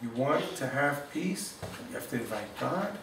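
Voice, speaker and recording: A man giving an informal Torah class, telling a story warmly and mixing in Hebrew and Yiddish words. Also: medium pitch, very animated, unhurried, gravelly, recorded from a distance, background noise. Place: room in Jerusalem. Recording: echoey room, speaker away from the mic.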